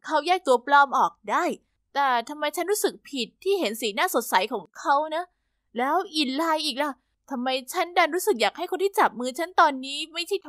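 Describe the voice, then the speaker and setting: High-voiced young woman narrating a story. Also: fairly bright tone, dry recording, clean studio sound. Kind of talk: first-person story narration.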